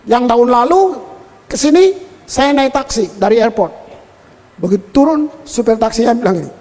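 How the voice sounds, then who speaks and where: An older male pastor preaching a sermon and telling stories from his own life in an animated way, often turning to the congregation. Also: very high-pitched, normal speed. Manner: animated storyteller, often addresses the congregation as brothers and sisters. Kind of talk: sermon with personal storytelling. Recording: long hall reverb.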